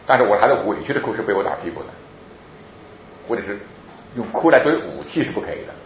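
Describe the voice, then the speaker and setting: Animated man preaching in an echoey room. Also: medium pitch, fast talker, vocal fry. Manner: animated, laughs often, acts out children. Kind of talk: lively sermon-style lecture. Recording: very echoey, dull lo-fi with faint noise.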